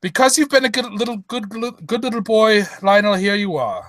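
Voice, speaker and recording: A performer playing a flustered, bumbling old-fashioned English gentleman doctor in a comic radio play parody, stammering out exclamations. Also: mid-range voice, expressive, brisk, natural voice. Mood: indulgent, flustered.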